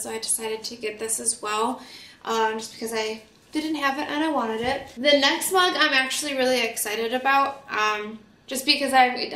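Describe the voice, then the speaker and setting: A woman's voice: a little high, sharp tone, roomy sound. A woman vlogging a casual shopping haul while getting over a cold, chatty and full of fillers. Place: home studio.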